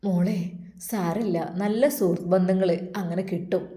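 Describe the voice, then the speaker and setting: A woman voicing a caring middle-aged mother who gently consoles a girl. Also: mid-range voice, steady tone, moderate pace, natural voice. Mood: soothing. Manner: gentle, soothing. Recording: roomy echo.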